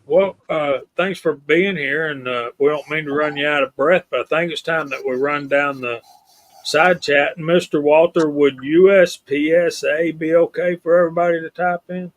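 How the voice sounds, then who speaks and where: A man's voice: fairly high pitch, moderate pace, dull audio. A man hosting a casual live stream and reading out viewer names. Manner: reads out viewer names in a steady list.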